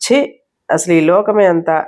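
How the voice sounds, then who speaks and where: A woman's voice: lowish voice, steady tone, a little slow, a little mellow, natural voice. A woman reading a storybook voicing an irritated, blunt young man who grumbles impatiently.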